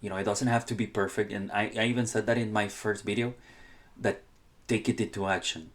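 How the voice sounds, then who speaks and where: Deep-voiced Honduran man, halting advice talk. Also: steady tone. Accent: Spanish-speaking Honduran. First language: Spanish. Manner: hesitant, many restarts and self-corrections. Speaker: channel host. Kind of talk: casual podcast-style advice talk.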